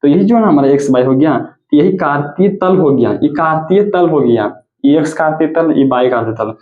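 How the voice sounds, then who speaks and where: A man's voice: a little high, animated, brisk. Man teaching maths in an echoey room. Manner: repetitive, asks and answers his own questions. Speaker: mathematics teacher. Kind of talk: classroom lecture. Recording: echoey, tinny phone-like audio.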